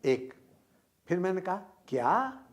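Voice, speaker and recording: An older man giving a recorded university lecture, explaining slowly with drawn-out pauses and stressing words to demonstrate his examples. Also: on the high side, expressive.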